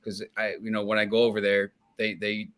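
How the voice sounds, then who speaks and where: His voice is lowish, fairly bright and delivered completely flat at a fairly quick pace. A guest from New Jersey, he chats loosely about soccer bets, rambling with repeated words, restarts and plenty of fillers.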